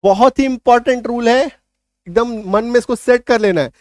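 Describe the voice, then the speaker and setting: A man teaching an online spelling lesson in English, emphatic, slowly drawing out example words and checking often that students follow. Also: very high-pitched, no echo, studio quality. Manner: emphatic, repeats key points with rhetorical checks.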